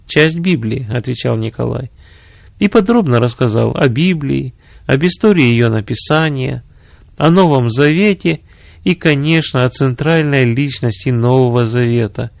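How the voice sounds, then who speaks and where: A man reading a story aloud in measured, even narration. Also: medium pitch, creaky, no room sound, clean studio sound. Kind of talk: scripted narration.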